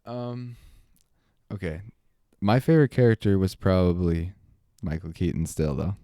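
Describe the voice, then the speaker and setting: A man's voice: deep voice, unhurried, warm tone, no room sound, clean studio sound. A man co-hosting a casual movie review chat, opinionated and sarcastic. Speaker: podcast co-host.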